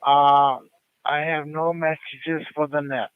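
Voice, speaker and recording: Man, high-ish crisp voice, deliberate pace, heard over two-way radio from afar. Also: level tone. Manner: slow and deliberate. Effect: heard over a two-way radio transmission. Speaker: emergency radio net member checking in. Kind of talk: radio net check-in. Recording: tinny radio band, distant.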